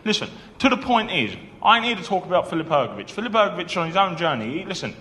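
Boastful boxer, high voice, echoey hall. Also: male voice, very animated, quick pace, sharp tone. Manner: boastful trash talk, keeps saying "listen". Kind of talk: heated press conference. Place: press conference room.

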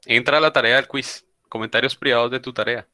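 A man's voice: mid-range voice, fairly even intonation, fast talker, bright, forceful tone, dry recording. A man teaching an online English class, speaking informally and insistently and repeating his points. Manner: informal, calls students "papá", insistent repeating. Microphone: video call.

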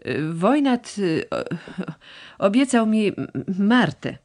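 A woman's voice: low voice, very animated, normal speed. Woman voicing a timid stammering young man. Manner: hesitant, pleading, stammering. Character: young male suitor, timid, stammering, lovesick.

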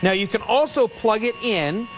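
A man's voice: high voice, animated, moderate pace, low-quality recording. A middle-aged man giving an enthusiastic, emphatic live home shopping product demonstration, repeating his selling points. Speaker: product demonstrator, guest pitchman. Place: TV studio kitchen set.

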